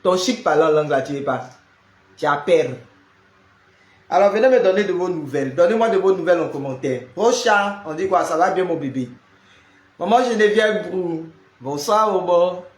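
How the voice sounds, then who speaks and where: A man's voice: high-pitched, lively intonation, moderate pace. Chatty man, roomy sound. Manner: chatty, greets viewers by name, peppers speech with "là" and "hein". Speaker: live-stream prayer host. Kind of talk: casual live-stream chat with viewers. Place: home. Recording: roomy echo.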